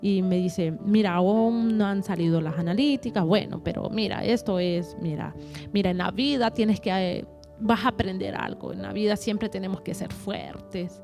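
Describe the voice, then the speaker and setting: Woman giving a halting testimony over music. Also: medium pitch, lively intonation, gravelly. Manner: halting, repeats words, acts out dialogue. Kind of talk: emotional personal testimony.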